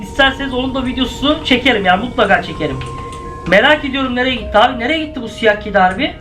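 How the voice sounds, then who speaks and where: A man giving excitable gameplay commentary, often breaking into shouted exclamations. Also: extremely high pitch, very fast, over music. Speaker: gaming YouTuber.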